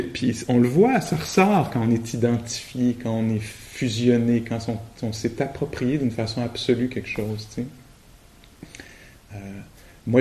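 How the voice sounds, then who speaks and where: A man with a Québécois French accent giving a relaxed, colloquial and humorous meditation talk at a retreat, often laughing. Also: medium pitch. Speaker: meditation teacher. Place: retreat hall.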